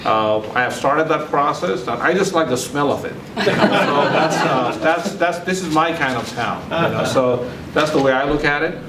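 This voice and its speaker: Man from Nepal, speech at a ceremony, halting with fillers, distant mic, echoey noisy room. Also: a little high, animated, over a noisy crowd. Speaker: center director.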